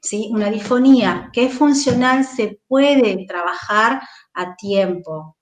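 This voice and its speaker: A woman's voice: a little high, takes it slowly, echoey room. A woman with an Argentine Spanish accent, working as a speech therapist, patiently explaining in an interview and often checking in with listeners. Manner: patient, explanatory, tags points with "¿sí?".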